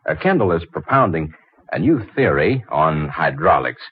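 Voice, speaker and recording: A man's voice: very deep voice, sing-song, normal speed, husky, dry recording, exaggerated voice. An actor playing a brash, flustered young stranger in a 1940s radio drama, stammering and fumbling his words. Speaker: out-of-town engineer visiting a library. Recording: dull old radio recording.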